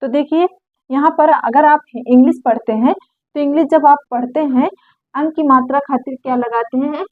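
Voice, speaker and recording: A woman teaching Hindi grammar for an exam, asking questions and repeating the key terms back slowly. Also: sits high, dry recording. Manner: slows and drops her voice on key terms. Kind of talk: exam-prep lesson. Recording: dry, phone-like narrow sound.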